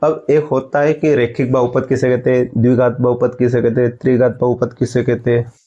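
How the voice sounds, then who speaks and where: Mellow-voiced man teaching maths. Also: medium pitch, flat delivery, brisk, lo-fi sound. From India. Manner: explains step by step, asks the student questions and answers them. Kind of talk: classroom maths lesson.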